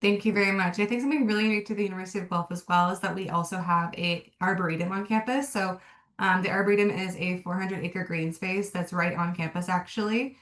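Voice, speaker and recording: A woman moderating an online panel in an upbeat, brisk way. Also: on the low side, fairly even intonation, a bit bright. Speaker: webinar moderator. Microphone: video call. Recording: echoey room.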